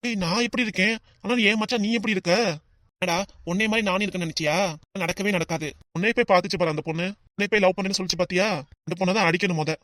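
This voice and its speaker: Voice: medium pitch, rapid-fire, a bit bright, dry recording, studio quality, lightly acted. A voice actor playing a boisterous, mocking young male friend with a southern Tamil Nadu accent in a cartoon. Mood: teasing. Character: loud teasing young male buddy. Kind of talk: cartoon voice acting.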